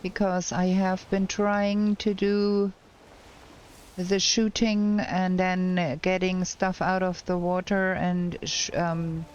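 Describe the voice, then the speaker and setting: A woman streamer giving casual gameplay commentary, thinking aloud in a slow, hesitant way, her voice cracking because she is unwell. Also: lowish voice, little pitch movement, darkish tone, smooth, highs cut off. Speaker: game streamer.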